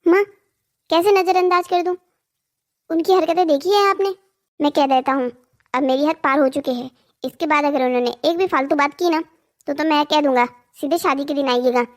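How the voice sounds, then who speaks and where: A voice actor playing an indignant, argumentative young man in a cartoon story, protective of his sister and quick to anger. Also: very high voice, fairly even intonation. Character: hot-headed protective young brother.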